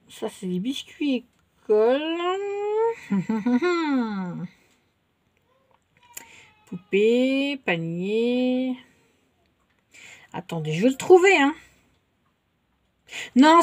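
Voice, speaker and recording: A French-speaking woman chatting casually to her viewers while showing a shopping haul, with many fillers and little hesitations. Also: on the high side. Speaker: haul vlogger. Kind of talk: casual show-and-tell haul.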